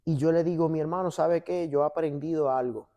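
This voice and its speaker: A pastor preaches with lively storytelling, voicing the characters' lines and bantering with his congregation in the sanctuary. He speaks fairly quickly in a fairly high voice.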